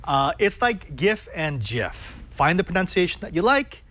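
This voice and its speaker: A playful male co-host with a lively, bouncing delivery that swings up and down. He banters with the others and hams up his introductions. His voice sits a little high for a man. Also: normal speed. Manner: animated, playful showman introductions.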